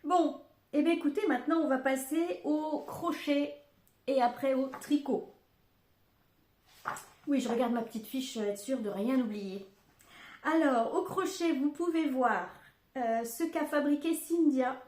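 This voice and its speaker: Older woman, craft host, casual rambling chat, slightly high pitch, roomy echo. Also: unhurried, long pauses, darkish tone. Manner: chatty, rambling, with many fillers and asides. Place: home room. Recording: echoey room.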